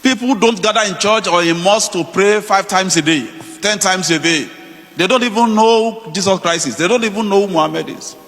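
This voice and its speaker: A man's voice: high voice, a little fast, fairly bright tone. A man with a Nigerian accent giving a public speech as an official, emphatic, with rhetorical repetition and pointed questions. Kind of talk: public address, oratory. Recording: reverberant hall, long echo.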